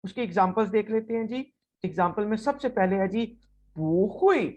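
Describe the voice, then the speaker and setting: A woman teaching a recorded language lesson, repeating example words slowly and often checking in with "right?". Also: mid-range voice, a little mellow. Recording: slightly dull, lo-fi recording.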